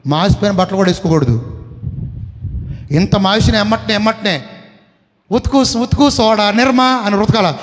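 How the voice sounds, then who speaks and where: A high-pitched man with a Telugu accent preaches a sermon, calling out questions and urging the congregation to answer back. His voice rings with the long reverb of a church hall. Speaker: pastor.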